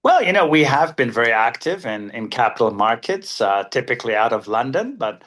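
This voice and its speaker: A man's voice: mid-range voice, very animated, a little fast, fairly bright tone. A man speaking as a panelist on an online discussion, thoughtful and hesitant, with lots of "uh" and "you know". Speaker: panelist from a development finance institution.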